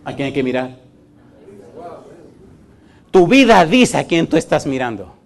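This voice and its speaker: A male pastor preaching in a church, often asking the congregation yes or no and swinging from loud emphatic lines to quiet asides. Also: on the high side, sing-song, a little slow, vocal fry. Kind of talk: sermon.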